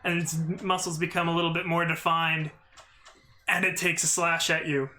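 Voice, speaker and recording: A game master narrating a tabletop game, relaxed and laughing easily with the players. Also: medium pitch, moderate pace, slight background noise.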